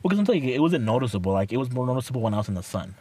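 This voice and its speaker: A man in his twenties in casual podcast chat, slangy and excitable, repeating words and stumbling as he goes. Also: medium pitch, very fast. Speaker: podcast co-host. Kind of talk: casual chat between friends, with swearing. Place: inside a car. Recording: noisy, recorded inside a car.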